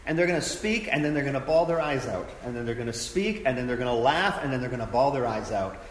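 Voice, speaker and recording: A man's voice: mid-range voice, animated, fast talker. A man, a pastor, teaching a sermon in an earnest, conversational way, repeating his key phrases. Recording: echoey hall with faint background noise.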